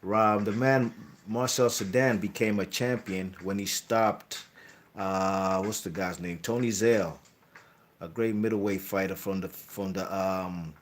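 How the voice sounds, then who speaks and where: Speaking at a measured pace, this man has a low-pitched voice with fairly even intonation. As host of a boxing channel, he wanders casually through boxing history, correcting himself and adding "you know what I mean" to his lines.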